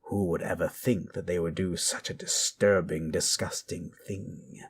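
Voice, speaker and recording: A man hosts and tells scary stories in a low, steady, slightly slow voice, with a faint hiss or hum on the recording. His delivery relishes the macabre, moving from dramatic narration to musing commentary.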